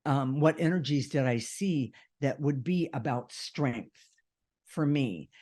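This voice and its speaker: A deep-voiced man co-hosts an unscripted discussion show, talking casually and earnestly with emphasis. His delivery is slow and his tone somewhat dark.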